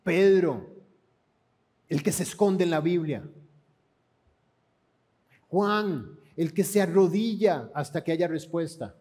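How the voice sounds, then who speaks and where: A man's voice: on the high side, animated, takes it slowly, long pauses, a little mellow. A man with a Panamanian accent preaching a sermon, retelling scripture dramatically and asking the congregation rhetorical questions. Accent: Panamanian Spanish.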